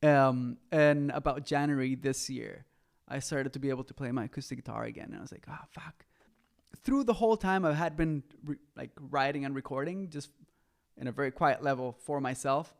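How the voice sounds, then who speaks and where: A man's voice: medium pitch, fairly quick, creaky. A young man from Costa Rica, a guest musician chatting casually, full of fillers and "like". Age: young adult. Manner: relaxed, filler-heavy, says like often. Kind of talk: casual chat.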